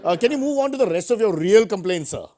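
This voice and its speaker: A man's voice: high-pitched, animated, quick pace, mellow, a little hiss or hum. A man with an Indian accent hosting as a parody news anchor, mock-serious with sarcastic asides. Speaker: host of a news satire show.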